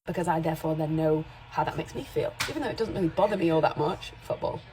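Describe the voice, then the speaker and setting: A low-pitched woman in her 40s speaks at a quick pace in this rough recording. A makeup artist and content creator, she addresses the camera directly in a casual vlog, candid and slightly rambling.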